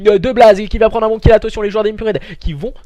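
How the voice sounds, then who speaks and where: Male esports caster, fairly high voice, excitable play-by-play announcer delivery with hesitant, drawn-out gaps. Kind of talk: live esports match commentary.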